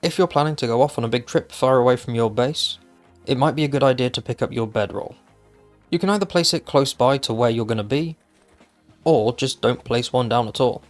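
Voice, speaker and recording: A man's voice: mid-range voice, fairly quick. Guy doing top ten countdown style gaming tips voiceover, explainer with casual asides, music behind him. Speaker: gaming video host.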